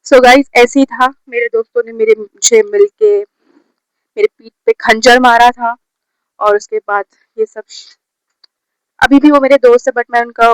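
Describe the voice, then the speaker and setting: A woman vlogger telling a personal story to camera in a casual, animated way, dropping English words into Hindi. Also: a little high, no echo, low-quality recording.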